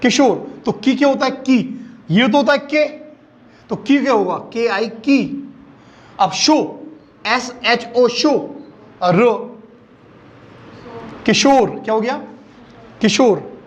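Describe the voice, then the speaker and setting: Slow, high-voiced man teaching spelling. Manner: slow, drawn-out spelling with repeated questions. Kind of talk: phonics lesson. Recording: dull lo-fi recording.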